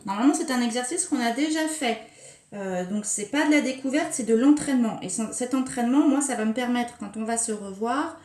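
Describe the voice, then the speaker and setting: A woman preschool teacher giving a recorded lesson for young children, speaking slowly and articulating each syllable with care. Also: a little high, darkish tone. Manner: slow, carefully articulated, scanning syllables. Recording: roomy echo.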